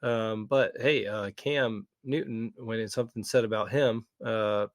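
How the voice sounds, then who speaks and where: Hesitant co-host. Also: male voice, lowish voice, steady tone, unhurried, dry recording, clean studio sound. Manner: hesitant, lots of fillers. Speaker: podcast co-host. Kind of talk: casual podcast chat.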